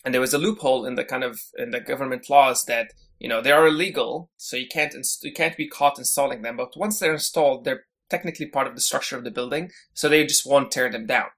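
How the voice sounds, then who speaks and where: A Syrian man who heads engineering talks fast with few pauses while telling stories as a podcast guest. His mid-range voice is fairly bright with fairly even intonation, and his casual, chatty delivery is full of fillers and restarts.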